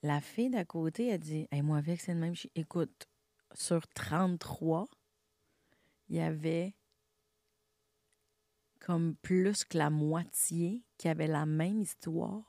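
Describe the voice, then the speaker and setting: A woman's voice: sits low, takes it slowly, long pauses, dark tone, dry recording, clean studio sound. A middle-aged woman from Quebec with a Québécois accent, chatting in an interview as a guest comedian, laughing often and self-deprecating, with lots of fillers. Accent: Québécois French. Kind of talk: casual interview conversation.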